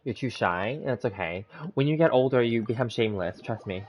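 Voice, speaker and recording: This gaming streamer, a man in his thirties, talks at a medium pitch with a darkish tone and a slightly fast pace, while soft music plays behind him. Chatting loosely with viewers on his livestream, he meanders through a story, restarting often, dropping fillers, and laughing readily. The stream audio is dull and lo-fi.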